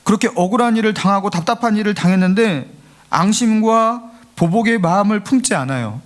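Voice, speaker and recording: A man's voice: sits high, expressive, brisk. A man pastor preaching a Sunday sermon, earnest and pleading, acting out the taunts of scoffers and building to fervent emphasis. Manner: acts out mocking voices of scoffers. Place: church sanctuary.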